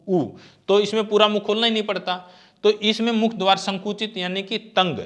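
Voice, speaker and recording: A man gives an exam-prep grammar lecture in a slightly high voice. He keeps asking rhetorical questions and answering them himself. He stretches out vowel sounds as he demonstrates them. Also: a bit bright. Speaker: teacher.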